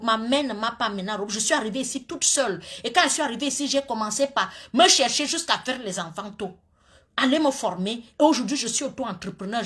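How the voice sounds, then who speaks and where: A woman's voice: high-pitched, a bit bright. A woman, a social media comedian scolding her critics in a heated rant to viewers. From Cameroon.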